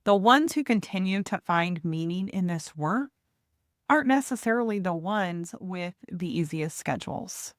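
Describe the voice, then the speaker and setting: A woman giving a gentle, deliberate motivational talk as a host, pausing reflectively between phrases. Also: lowish voice, expressive, no room sound, clean studio sound. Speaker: podcast host and hospice nurse coach.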